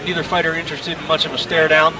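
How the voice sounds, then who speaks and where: A man's voice: on the high side, level tone, quick pace, background noise. A man giving live MMA commentary in a conversational, descriptive way. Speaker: play-by-play fight commentator. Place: live fight venue. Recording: distant mic, loud music and crowd. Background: music and crowd.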